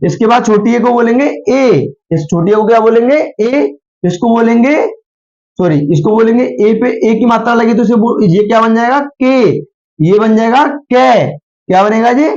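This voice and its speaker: A slightly hoarse man teaching the Hindi alphabet, asking questions and answering them himself while drawing out each syllable. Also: extremely high pitch, moderate pace, a little mellow. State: slightly hoarse from a sore throat. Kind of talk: slow spoken Hindi alphabet lesson. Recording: dull lo-fi recording.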